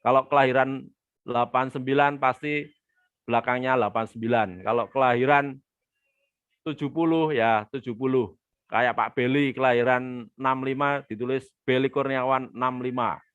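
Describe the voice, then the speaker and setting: This business trainer has a mid-range, slightly bright and smooth voice with fairly even intonation at a normal speed. Hosting a live marketing webinar, he talks with his audience and reads out their comments. The recording is dry, with the highs cut off.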